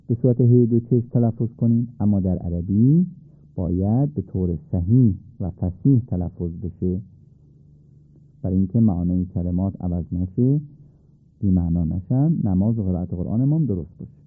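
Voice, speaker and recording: A man's voice: fairly low pitch, no echo. Patient male radio Quran teacher, tinny. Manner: polite, patient, asks and answers his own questions. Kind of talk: radio lesson. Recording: tinny phone-like radio recording.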